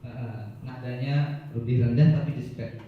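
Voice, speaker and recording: A man's voice: mid-range voice, fairly even intonation, unhurried. A male teacher, leading a workshop for fellow teachers and explaining step by step with short acted-out examples. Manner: explains step by step, acts out short scenes, chuckles often. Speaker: teacher leading a training session. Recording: very echoey room, dull lo-fi sound.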